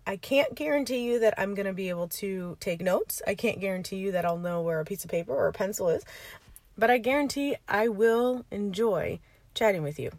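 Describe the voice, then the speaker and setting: A woman's voice: mid-range voice, lively intonation, a little fast, darkish tone, no echo. A woman hosting a podcast and rambling casually while sitting in her parked car, laughing now and then. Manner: rambling, chatty, laughs often. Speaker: podcast host and coach. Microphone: informal setup, no computer.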